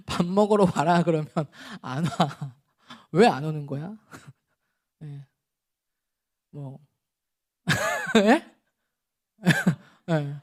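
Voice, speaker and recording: A middle-aged man preaching a sermon as a pastor, talking in a relaxed, conversational way with chuckles and acted-out scolding. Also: high voice.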